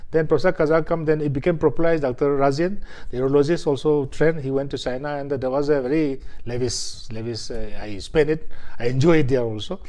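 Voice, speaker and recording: An older man with an Indian English accent, a family planning doctor speaking as an interview guest, halting and repeating words, growing animated as he talks. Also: medium pitch. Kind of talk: conversational interview.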